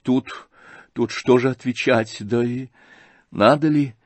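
A male reader voicing a gentle, shy young prince in an audiobook, speaking slowly and hesitantly. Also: mid-range voice, no room sound. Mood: earnest. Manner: slow, hesitant, earnest.

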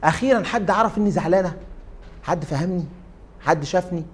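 A sad, neglected young girl speaks quietly and sounds worn down, as a man reads her part aloud. Her voice stays low and soft, with a fairly high, light tone. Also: brisk, slightly rough. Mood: hurt.

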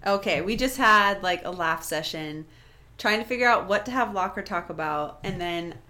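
A young adult woman co-hosting a podcast, telling stories in a chatty, animated way. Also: lowish voice, normal speed. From Florida. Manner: chatty, animated storytelling with laughter. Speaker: podcast co-host. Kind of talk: casual chat.

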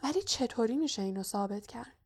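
A woman's voice: on the high side, expressive, husky. A woman narrator voicing an earnest, brooding young schoolboy wizard.

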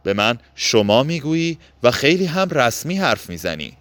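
A man's voice: medium pitch, very animated, a bit bright, dry recording, pitched above the performer's own voice. A man voicing a secretive young wife who answers her husband coolly and wearily in an audiobook. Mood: cool guarded. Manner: languid, guarded.

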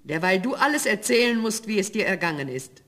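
A woman's voice: medium pitch, big pitch swings, fairly quick, loud music behind the voice, natural voice. An actress playing a farmer's wife, the caring and fussing mother of a giant son, in a radio play. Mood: warm. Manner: fussing and homely.

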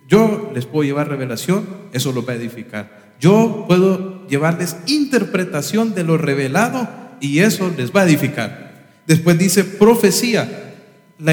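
A man's voice: on the high side, a little mellow. A man preaching a sermon from the pulpit, emphatic and full of rhetorical questions. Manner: emphatic, rhetorical questions, imitates instrument sounds. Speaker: pastor. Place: church sanctuary. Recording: echoey hall, reverb.

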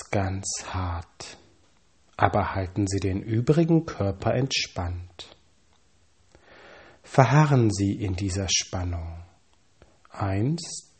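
Slow counting and measured pauses mark a man's calm reading of guided relaxation instructions from a script. His voice runs on the low side and sounds slightly rough.

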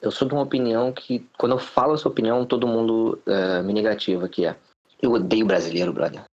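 A man's voice: on the low side, fairly even intonation, quick pace, a little mellow, dull audio. A man with a Brazilian Portuguese accent talking bluntly and with slang in a casual podcast conversation, giving strong opinions. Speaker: podcast guest.

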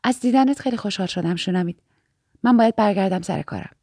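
A woman reading aloud and voicing a reserved young woman in training who speaks quietly and with restraint. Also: medium pitch, husky, no room sound, clean studio sound. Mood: restrained.

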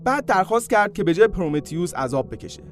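With soft music in the background, a man with a high, expressive voice hosts a podcast, casually telling comic stories and tossing joking asides to the listener.

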